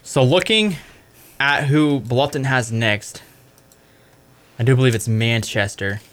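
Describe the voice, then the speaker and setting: A man's voice: medium pitch, takes it slowly, fairly bright tone, smooth. Young male college radio host reading scores and stats, loose and chatty, often corrects himself. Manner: casual, fills with "I mean", corrects himself. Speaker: sports show host. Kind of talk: college radio sports recap.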